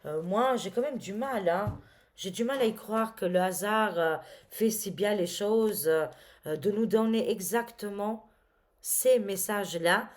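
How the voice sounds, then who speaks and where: A woman's voice: medium pitch, unhurried. A woman reading tarot cards to her viewers, talking casually and dramatically with many exclamations and fillers. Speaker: tarot reader.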